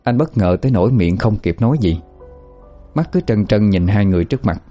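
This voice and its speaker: A man narrates a dramatic story in an earnest, steady way. His voice is low and warm, with soft music playing behind him. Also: fairly quick. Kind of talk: scripted narration.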